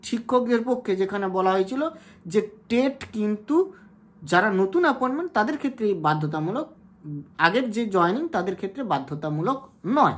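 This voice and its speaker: A woman with a slightly high voice hosts an education channel, explaining a legal issue to the camera in a measured way. She pauses often on hesitation sounds and asks rhetorical questions.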